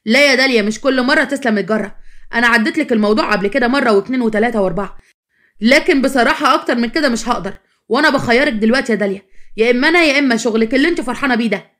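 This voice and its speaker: A woman's voice: on the high side, racing, close to an everyday voice. A woman voicing an exasperated grown husband, speaking in an Egyptian accent in a scolding, insistent way that rises to anger. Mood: angry. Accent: Egyptian Arabic. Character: exasperated husband, grown man, stern and proud.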